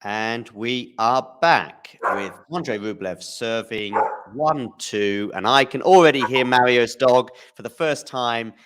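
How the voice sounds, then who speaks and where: A man's voice: medium pitch, takes it slowly, hardly any pauses. A man hosting a live tennis commentary podcast, chatting casually with fillers. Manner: chatty, relaxed, frequent fillers.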